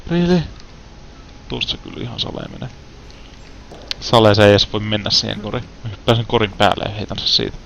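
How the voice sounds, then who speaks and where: A man's voice: on the low side, animated, vocal fry, pauses often, fairly bright tone, slight background noise. A young Finnish man giving casual gameplay commentary, with frustrated outbursts and English words mixed in. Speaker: gaming let's player.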